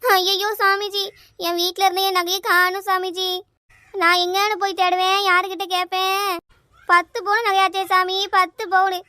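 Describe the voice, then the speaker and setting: A hot-tempered village wife with a Kanyakumari Tamil accent wails and rants in a cartoon, as a woman voices her. The voice is very high and bright, and it sounds close and dry. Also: flat delivery, normal speed, dry recording. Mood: wailing.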